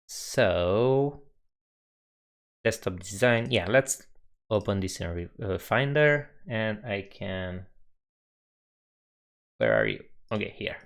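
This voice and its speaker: A man's voice: fairly low pitch, very animated, gravelly. A young man from Romania with a Romanian accent, live-streaming a coding tutorial and thinking aloud at his desk. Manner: unhurried, musing, reads chat aloud.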